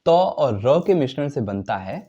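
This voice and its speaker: A man teaches grammar at an unhurried pace, his pitch rising and falling freely. His voice is mellow and dark. The recording sounds dull and lo-fi. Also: very animated, slightly rough. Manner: explains slowly, repeats terms, recites letters one by one. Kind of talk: grammar lesson.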